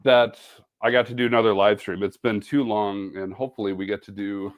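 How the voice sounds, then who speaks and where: A man's voice: fairly low pitch, fairly even intonation, a little fast. A man giving a casual, chatty live-stream sewing demo, self-deprecating and humming or making little beep noises as he works. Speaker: sewing ambassador.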